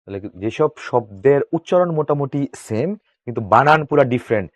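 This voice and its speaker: A man teaching English for exams, asking his students quick questions and answering them himself. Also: medium pitch, animated, no echo. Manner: reads English sentences slowly, then explains. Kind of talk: exam-prep grammar lesson.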